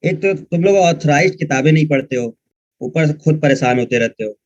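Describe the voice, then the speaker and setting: A male history teacher lectures online with a fairly high voice, scolding his students in an informal, direct way. The recording is dry and close, with a dull, muffled tone. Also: expressive, brisk, darkish tone, no room sound.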